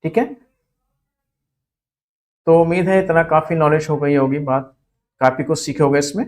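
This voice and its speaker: A man teaching a Hindi spelling lesson for exam students, repeating each word slowly so it sticks. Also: fairly high pitch.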